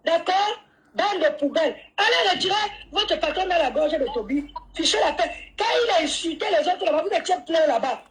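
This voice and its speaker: A woman's voice: extremely high pitch, animated, brisk. A woman, defiantly insulting and repeating herself in a heated live-stream argument.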